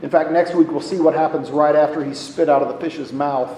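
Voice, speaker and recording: A male pastor preaches with earnest conviction, slowing down and sinking to a hush when he reads scripture aloud. His voice sits fairly high but sounds mellow and soft-edged. The room around him is echoey, with a faint ambient hum underneath. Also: fairly even intonation. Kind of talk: sermon.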